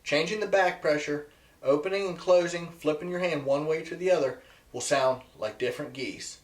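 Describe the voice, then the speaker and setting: A man's voice: fairly high pitch, moderate pace. A man presenting an instructional video to viewers, emphatic and repeating key points for stress. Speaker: presenter teaching goose calling. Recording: echoey, roomy sound.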